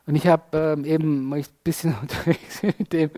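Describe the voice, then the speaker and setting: Man, preacher, casual conversational sermon, tag questions, fairly high voice. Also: steady tone, normal speed, mellow, a little hiss or hum.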